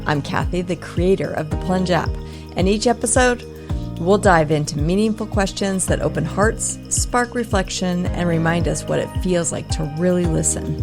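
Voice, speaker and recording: A woman's voice: fairly low pitch, moderate pace, over music. A woman hosting a casual podcast, speaking earnestly and chatting playfully with a guest. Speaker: podcast host.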